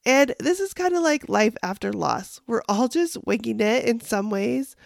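A woman podcast host talks in a gravelly voice with plenty of fry at the edges. She takes her time, chatting casually and encouragingly straight to the listener. The recording is close and dry. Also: lively intonation, unhurried, dry recording. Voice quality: deep gravelly voice, sounding huskier than usual. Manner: encouraging, addresses the listener directly. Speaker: podcast host and life coach. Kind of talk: solo podcast talk, casual and conversational.

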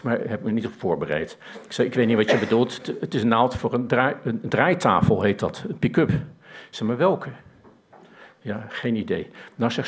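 A man's voice: mid-range voice, slight background noise. A man telling a personal story in a plain, conversational way, with frequent hesitations and restarts. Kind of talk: personal story told to an audience.

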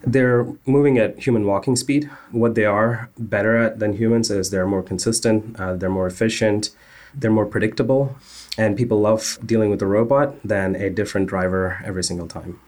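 Deep-voiced man explaining earnestly. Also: moderate pace, darkish tone. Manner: earnest, technical, with frequent "uh" fillers. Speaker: startup founder. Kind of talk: interview answers.

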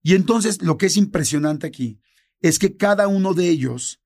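Animated Mexican man with a high voice. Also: normal speed. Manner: animated, acts out quoted dialogue in many voices. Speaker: podcast co-host. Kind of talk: casual storytelling chat.

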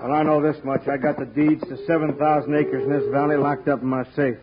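An actor playing a gruff, scheming outlaw boss in an old radio western. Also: male voice, fairly high pitch, flat delivery, brisk, natural voice. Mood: gruff, scornful. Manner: gruff, bossy. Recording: noisy, muffled old radio recording.

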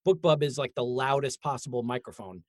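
A man's voice: medium pitch, brisk, a crowd in the background. A man chatting casually and informally as an author, rambling and a little self-deprecating. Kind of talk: casual conversation.

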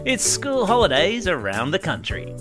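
A man's voice: high-pitched, wildly swooping pitch, normal speed, over music. A man hosting a podcast, upbeat and playful as he interviews his guest. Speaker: podcast host.

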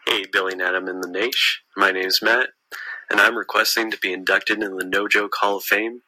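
Guy's voice message played back, low but super bright, dead dry, goofy mock-serious pitch. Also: fairly even intonation, fairly quick, dry recording, poor audio. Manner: playfully grand, pitching himself with mock seriousness. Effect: recorded voice message played on the show. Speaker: listener calling in.

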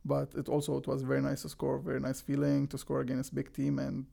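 Egyptian-accented young pro athlete, flat, gravelly delivery, earnest and simple interview answers. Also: male voice, mid-range voice, a little fast. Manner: plain, earnest, simple non-native phrasing with restarts. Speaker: guest, professional soccer defender.

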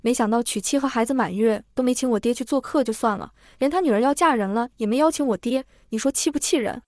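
A woman's voice: on the high side, fast talker, a little mellow, no echo, clean studio sound, natural voice. A woman voicing an impatient male innkeeper who grumbles with irritation. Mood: grumbling.

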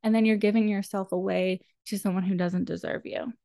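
Earnest woman with a creaky voice. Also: medium pitch, steady tone, a little fast, warm tone, dry recording, clean studio sound. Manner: earnest and encouraging, speaks straight to the listener. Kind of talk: motivational self-help talk.

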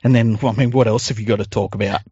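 A man's voice: lowish voice, fairly even intonation, quick pace, mellow, slightly rough, no echo, highs cut off. An Australian man co-hosting a podcast in casual chat and informal ad reads, with a jokey, informal manner. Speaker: podcast co-host.

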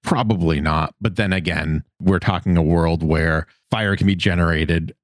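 A man's voice: sits low, fairly even intonation, moderate pace, no echo, clean studio sound. A man co-hosting a podcast, talking in a chatty, enthusiastic way full of filler words. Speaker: podcast co-host. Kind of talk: casual chat.

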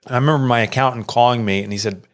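In an interview, a middle-aged entrepreneur and author races through a personal story in a steady tone. He is earnest and emotional, and he jumps up in pitch when quoting people.

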